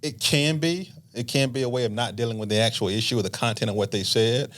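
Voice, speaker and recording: A middle-aged man, a marriage counselor on a podcast, explaining in a relaxed, talkative way and acting out couples' lines. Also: medium pitch, fast talker. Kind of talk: casual podcast conversation.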